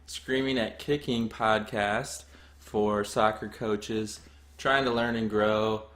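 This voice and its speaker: A young man co-hosting a soccer podcast, easygoing and giggly. He talks slowly in a lowish, bright, forward voice. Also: steady tone. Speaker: podcast co-host, soccer coach. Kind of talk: casual podcast chat.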